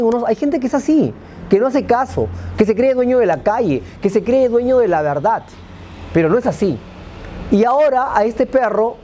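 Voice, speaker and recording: A young man with a Peruvian accent anchors live news from a desk in a small TV studio, his warm voice sitting high. He interviews guests emphatically, with a habit of repeating phrases.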